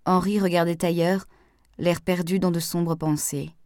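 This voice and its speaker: A woman with a lowish voice reads a novel aloud in a steady, even manner. The recording is dry and close, with no room sound. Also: measured pace, dry recording. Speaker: narrator. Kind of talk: audiobook narration.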